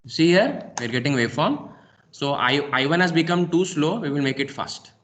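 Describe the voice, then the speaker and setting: A man with an Indian English accent, a lecturer walking through a software lab demonstration step by step and saying "okay" often. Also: a little high, lively intonation, moderate pace. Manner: talks through each click step by step, frequent "okay". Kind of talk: screen-recorded software lab demo.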